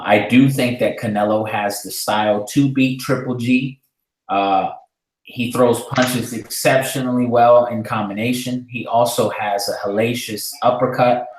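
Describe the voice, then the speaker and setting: A man co-hosting a live boxing talk show, breaking down fights in a measured, analytical way with frequent fillers. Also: mid-range voice, fairly even intonation. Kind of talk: casual live-stream discussion. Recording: echoey room.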